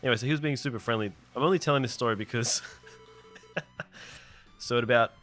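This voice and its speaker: A man's voice: medium pitch, fairly quick, a bit bright, faint music behind. An Australian man hosting a let's play, rambling through a funny anecdote while laughing often. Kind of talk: casual chat over gameplay.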